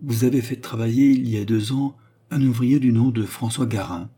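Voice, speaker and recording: Guy doing a shy poor young woman, soft, husky, a bit higher than his usual. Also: moderate pace, natural voice. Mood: humble.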